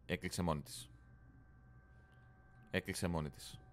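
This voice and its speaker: A man's voice: low voice, steady tone, a little hiss or hum. A man hosting a horror game let's play, commenting casually, swearing often and yelping when startled. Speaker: gaming channel host.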